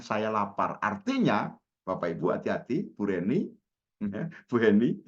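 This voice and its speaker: Indonesian-accented male coach, animated pitch swings, muffled lo-fi video-call sound. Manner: lively, calls on attendees by name, acts out little dialogues. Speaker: coach leading a webinar. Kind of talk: informal webinar teaching. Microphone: video call microphone. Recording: dull lo-fi webinar audio.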